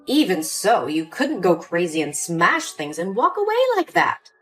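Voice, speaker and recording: A woman's voice: lowish voice, big pitch swings, unhurried, fairly bright tone, breathy edge, exaggerated voice. A woman voicing a cold, condescending older mother in a story drama, with faint music behind. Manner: cool, condescending.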